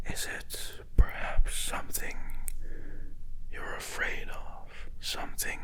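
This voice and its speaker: A fully whispered voice, quiet as if at night, speaking very slowly in an ASMR ramble. The host guides the listener gently and reassuringly, pausing often and repeating phrases. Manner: slow, gentle, reassuring guidance with pauses and repeats.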